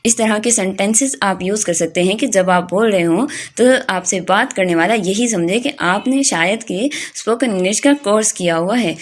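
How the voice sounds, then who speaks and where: Brief: Pakistani woman, English teacher, online lesson, drills phrases slowly, mid pitch. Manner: says English phrases slowly and deliberately after the Urdu; addresses students directly, repeats for emphasis.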